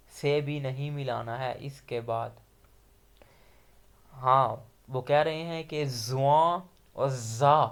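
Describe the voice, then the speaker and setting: Patient man teaching letter sounds slowly. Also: medium pitch, clean tone. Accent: Pakistani Urdu. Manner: patient, explains letter sounds step by step, drawing out example letters. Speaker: Quran recitation teacher. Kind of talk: slow explanatory lesson.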